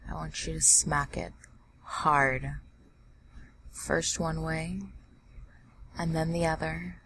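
A young adult woman giving teasing orders in a breathy ASMR role-play, close to the microphone. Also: steady tone, slow, slight background noise. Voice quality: breathy soft voice mixed with low soft voice.

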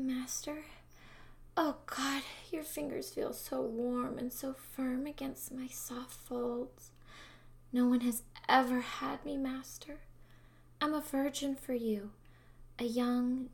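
A woman voicing a shy younger sister in an adult audio roleplay, whispering hesitantly and breathily. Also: high voice.

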